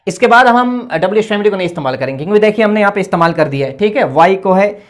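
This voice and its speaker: A woman's voice: mid-range voice, lively intonation, rapid-fire. A woman teaching English grammar at a board, explaining patiently step by step, checking in after each point and spelling words letter by letter. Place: indoor classroom with a board.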